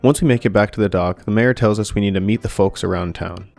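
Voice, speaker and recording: A young man narrating a scripted video game review in a steady, dry way with light jokes. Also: on the low side, quick pace. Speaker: gaming YouTuber. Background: soft background music.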